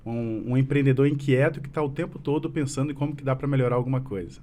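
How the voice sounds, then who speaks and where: A business association president in his thirties from Minas Gerais, Brazil, speaks fast in a warm, medium-pitched voice with a fading mineiro Brazilian Portuguese accent. As a guest in a casual interview, he answers earnestly but rambles, restarting often.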